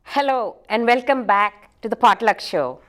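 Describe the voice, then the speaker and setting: A woman's voice: fairly high pitch, animated, moderate pace, fairly bright tone. A woman hosting a talk show, introducing and interviewing her guest in a friendly way. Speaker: host.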